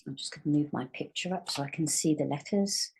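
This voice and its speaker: A woman's voice: deep voice, brisk, a little mellow, a little hiss or hum, low-quality recording. A woman teaching a recorded phonics lesson, patiently sounding out letters again and again. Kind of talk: recorded online spelling lesson.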